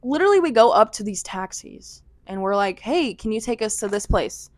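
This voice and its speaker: A woman's voice: mid-range voice, lively intonation, normal speed, a little hiss or hum. A young American woman telling a travel story in casual vlog style, peppered with "like" and laughing asides. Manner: chatty, filler-heavy with frequent "like", laughing asides. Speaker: vlogger.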